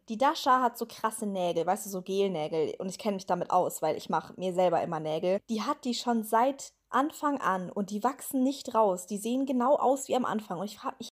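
A young woman casually recapping a reality show, chatty and sarcastic, slipping into slang. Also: a little mellow. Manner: chatty, sarcastic, slangy, mimics people in high squeaky voices.

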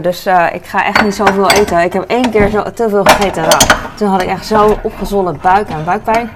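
Over the clinking of dishes and cutlery, a middle-aged woman rambles through a casual kitchen vlog, her medium-pitched speech heavy with fillers. The recording is very noisy.

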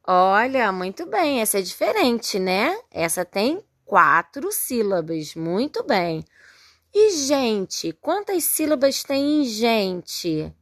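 A Brazilian woman teaches young children, taking her time and breaking each word into careful syllables. She speaks slowly and keeps praising the class. Her voice is close and dry, with no room sound. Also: fairly high pitch, very animated, fairly bright tone, no room sound. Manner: patient, spells words out syllable by syllable, frequent praise. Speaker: primary school teacher. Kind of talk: recorded remote lesson for young children.

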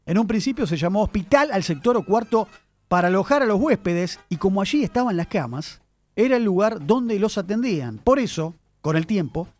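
A man's voice: high voice, darkish tone. A man presenting a chatty radio segment on word origins, addressing his listeners as he tells the story. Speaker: radio columnist. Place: radio studio.

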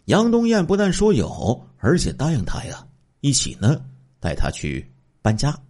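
A man's voice: a little high, wildly swooping pitch, moderate pace, a little mellow. A man telling a true crime story in a casual spoken style, stretching out sentence-final particles.

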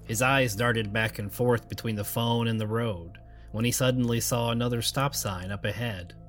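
A man narrates a creepy story in a steady, measured way. His voice sits at an ordinary middle pitch. Faint music plays beneath him. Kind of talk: scripted narration.

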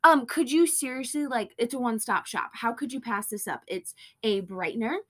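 A woman's voice: a little high, moderate pace. A woman co-hosting a podcast as an esthetician, talking up products with upbeat, emphatic enthusiasm. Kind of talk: casual chat.

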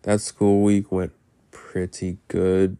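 Gravelly, congested low-voiced man. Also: completely flat delivery, warm tone. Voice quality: gravelly, phlegmy throat. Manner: halting, rambling, heavy use of "like"; casual swearing. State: sick, congested with mucus in throat. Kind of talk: casual personal diary-style talk.

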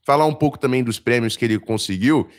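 A Brazilian man hosting a casual sports podcast in informal, halting, slangy talk, his voice slightly strained and failing. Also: medium pitch. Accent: Brazilian Portuguese. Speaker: podcast host.

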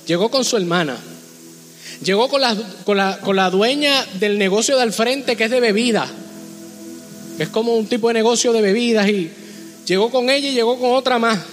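A man's voice: very high-pitched, a bit bright. A man preaching a fervent sermon as pastor, urging his congregation. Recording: long hall reverb with music behind.

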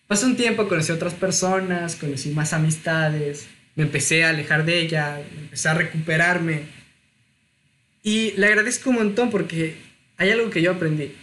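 Guy in his 20s, tells his story all self-mocking, kinda high voice. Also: moderate pace, bright, forceful tone, a little hiss or hum. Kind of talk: casual chat.

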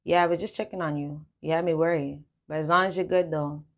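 A woman's voice: sits low, fairly even intonation, quick pace. A woman voicing a stern, controlling man who checks in with concern. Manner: stern but caring. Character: stern, controlling male pimp.

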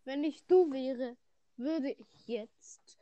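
Giggly teenage girl, high and unhurried. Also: warm tone, highs cut off. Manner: giggly, playful. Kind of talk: casual chat game.

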